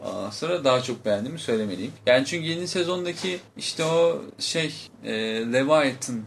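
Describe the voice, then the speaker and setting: Hızlı konuşan, canlı bir adam. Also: male voice, fairly high pitch, vocal fry, a little hiss or hum. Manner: fast, animated, acts out dialogue while retelling scenes. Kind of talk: casual chat about a TV series.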